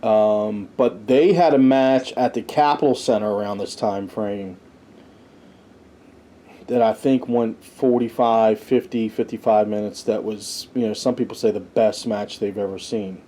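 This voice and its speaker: A wrestling-history podcast host with a lowish, steady, warm voice talks a bit slowly. Reading through a list, he keeps things conversational and interjects his own remarks.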